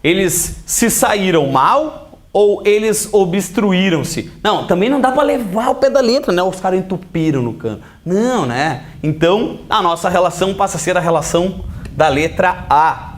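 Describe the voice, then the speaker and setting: Male teacher with a Brazilian accent, animated, swooping high delivery. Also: normal speed. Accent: Brazilian Portuguese. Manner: animated, explains by asking and answering questions. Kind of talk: exam-prep lesson.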